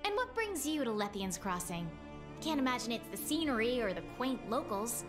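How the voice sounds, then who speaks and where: An actress voicing a mocking, charismatic young sorceress in a video game, with a teasing, sarcastic way of talking. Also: female voice, fairly high pitch, very animated, moderate pace, music in the background.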